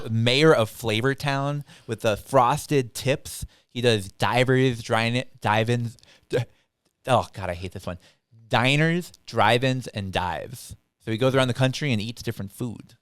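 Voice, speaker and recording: Clear-voiced young man hosting casually. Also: mid-range voice, no echo, studio quality. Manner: animated, quick bursts with playful quoted voices. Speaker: podcast host. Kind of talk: casual chat.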